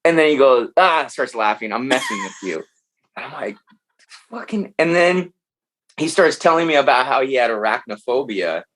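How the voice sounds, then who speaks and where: A man talking as a podcast guest, telling stories in a loose, animated way and swearing freely. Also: medium pitch, normal speed, a little hiss or hum. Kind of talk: casual chat.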